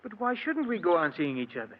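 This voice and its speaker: A man's voice: high-pitched, very animated, a little fast. An actor in an old-time radio drama, playing an unhappily married, lovelorn man with earnest, dramatic delivery. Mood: pleading. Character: unhappily married man confessing his past, lovelorn, bitter. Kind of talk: old-time radio drama acting, first-person narration and dialogue. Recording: muffled, noisy old radio recording.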